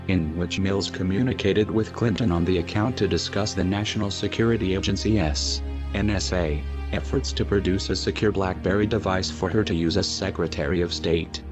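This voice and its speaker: A man reading a news report in a steady, measured way through a disguised deep voice changer. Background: music.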